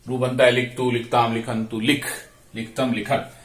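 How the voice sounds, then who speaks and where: A man's voice: mid-range voice, little pitch movement, normal speed. A man teaching Sanskrit grammar, drawing out each word and repeating verb forms aloud. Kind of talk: slow classroom explanation. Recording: echoey room, voice from a distance.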